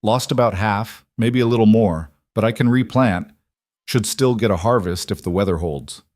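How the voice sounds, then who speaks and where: A man voicing a guarded, lonely frontier woman who speaks softly and haltingly in an audiobook story. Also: fairly low pitch, dry recording, studio quality, natural voice. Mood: gentle.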